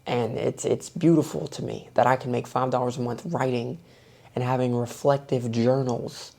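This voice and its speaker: A young man vlogs in a soothing, mid-range voice that is gravelly and dark in tone. His talk is a reflective personal monologue, thoughtful and self-searching as he works through his thoughts.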